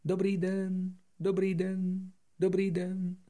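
A man voicing a mountain echo in an audiobook, repeating words high and fading away. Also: completely flat delivery, dark tone, lightly acted.

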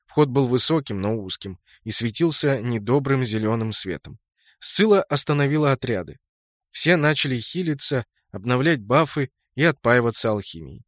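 A man's voice: medium pitch, lively intonation, normal speed, a bit bright, no room sound, studio quality. A man reading scripted fantasy game fiction as an audiobook narrator.

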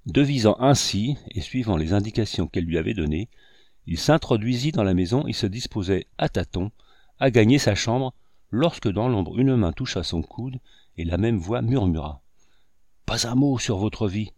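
A man's voice: fairly low pitch, lively intonation, normal speed, darkish tone, no room sound, studio quality. A man narrating a novel aloud, raising his voice a little for the characters' dialogue. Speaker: audiobook narrator. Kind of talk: reading a novel aloud, voicing the characters lightly.

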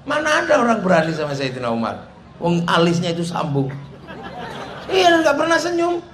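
Animated joking preacher. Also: male voice, sits high, fairly quick. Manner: animated, joking, acts out dialogue. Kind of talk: humorous sermon storytelling. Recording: echoey hall with crowd noise.

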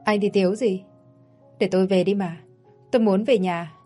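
A woman's voice: medium pitch, fairly even intonation, normal speed, mellow, faint music behind, natural voice. A woman voicing a frightened but stubborn young woman, pleading and defiant, in a read-aloud story. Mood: scared, pleading.

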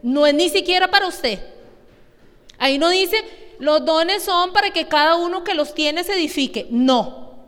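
A woman's voice: very high-pitched, expressive, a little slow, fairly bright tone, in a large hall. A woman preaching a sermon, emphatic and asking the congregation questions.

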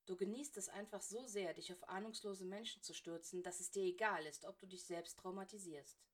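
Snape, read by a woman: sharp, irritable male teacher. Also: medium pitch, steady tone, a little fast, lightly acted. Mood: reproachful. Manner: sharp, reproachful. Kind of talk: fan fiction audiobook reading.

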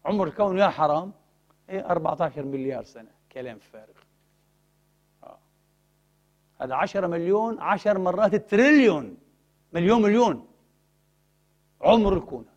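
Husky fast-talking man lecturing. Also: sits high, expressive, highs cut off. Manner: rhetorical questions, prompting the audience to fill in words. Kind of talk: religious science lecture.

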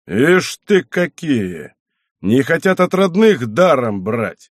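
A man reading an audiobook, voicing a hot-tempered, domineering old abbot who blusters and shouts. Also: medium pitch, expressive, no room sound, studio quality, lightly acted. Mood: furious. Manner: blustering, shouting, quick to anger.

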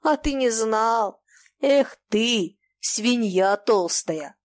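A woman's voice: on the high side, lively intonation, very slow, dry recording, clean studio sound. A woman reading the part of a proud, furious young male merchant who speaks defiantly and harshly. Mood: scornful.

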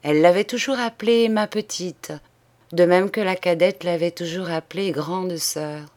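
A woman reading a literary short story aloud in a measured, expressive way. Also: on the low side. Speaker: audiobook reader.

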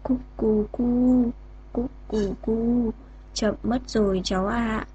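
A woman voicing an old grandmother who has turned into a dove, speaking slowly with cooing calls. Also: on the high side, steady tone, mellow, lo-fi sound, slight background noise. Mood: sorrowful.

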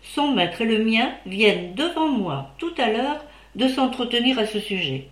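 A woman's voice: a little high, big pitch swings, measured pace. Woman reading young apothecary's boy, gossipy, chatty, roomy echo. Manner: chatty, confiding.

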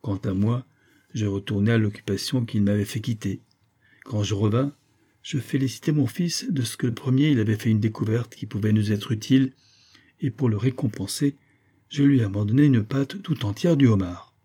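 A man reading a classic adventure novel aloud as first-person narrator, steady storytelling. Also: on the low side, normal speed, breathy edge. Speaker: audiobook narrator.

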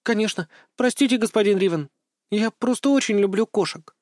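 A man's voice: high voice, fairly quick, dry recording, clean studio sound, voice pushed up, lightly acted. A man voicing a cheerful, sweet living doll with a childlike manner in an audiobook. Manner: bright, eager, sweet. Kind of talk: audiobook character voice.

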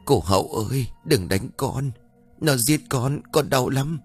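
A man's voice: a little high, takes it slowly, faint music behind, pitched above the performer's own voice. A man voicing the ghost of a murdered man who speaks through a possessed boy, wailing in broken, hollow words. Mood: anguished wailing.

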